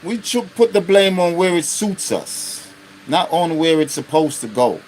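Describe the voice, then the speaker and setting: This is a man in his fifties running an unscripted live stream, his slightly high voice swinging widely in pitch at an unhurried, somewhat mellow pace. He talks bluntly and profanely, forever checking in with listeners rhetorically. The low-quality recording carries slight background noise.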